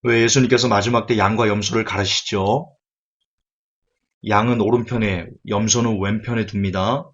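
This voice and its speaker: A man's voice: fairly low pitch, fairly even intonation, normal speed, muffled recording. A male preacher giving an emphatic sermon full of rhetorical questions.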